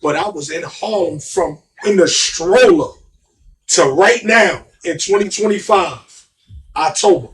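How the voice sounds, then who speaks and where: A man's voice: high-pitched, a little slow, a bit bright, far from the mic. A middle-aged man with a New York accent, telling stories in casual, emphatic street talk and repeating himself. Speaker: guest.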